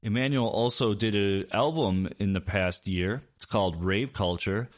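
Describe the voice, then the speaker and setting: Speaking at a normal speed in a fairly low register, this man hosts a podcast and chats casually with his guest. His manner is easygoing and loose, sprinkled with filler words.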